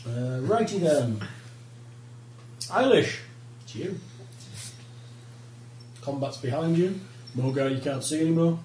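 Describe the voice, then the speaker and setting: A man's voice: on the high side, expressive, slow pace, long pauses, a little mellow. A man acting as game master, narrating a tabletop game casually with crude, joking banter. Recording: echoey noisy room, distant mic.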